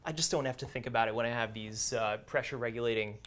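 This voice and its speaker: A man's voice: medium pitch, fairly even intonation, quick pace, a bit bright. A young man co-hosting a coffee gear show, chatting in an easygoing, agreeable way. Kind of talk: casual product chat.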